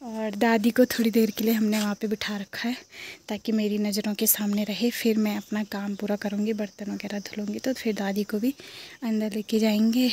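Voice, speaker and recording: A woman's voice: mid-range voice, warm tone. A young woman from Uttarakhand narrating a casual home vlog, chatty and talking to viewers, sometimes whispering. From Uttarakhand, India. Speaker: vlogger.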